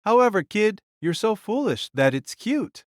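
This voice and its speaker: A man's voice: high-pitched, very animated, measured pace, dry recording, clean studio sound. A man playing a huge, boisterous warrior king spirit in an audio drama, speaking in a bold, jovial, boastful way. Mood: frank, encouraging. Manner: hearty, bold, grandiose. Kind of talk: dramatised audio story dialogue.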